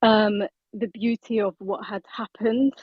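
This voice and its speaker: A woman from Somaliland speaks steadily in a group discussion, pausing often on "um". Her voice stays flat in pitch and a little husky. It comes through a tinny, phone-like call line. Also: no room sound. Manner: steady, with frequent "um". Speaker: guest speaker. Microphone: video call.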